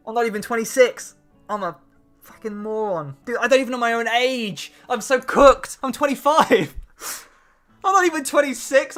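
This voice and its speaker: High and a bit bright, the voice belongs to a chatty streamer in his twenties who teases himself and answers his chat between tasks in a casual livestream.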